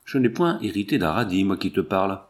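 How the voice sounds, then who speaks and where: A man's voice: sits low, expressive, fast. A man voicing a talkative young working-class mechanic with folksy, exclamatory slang. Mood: hearty.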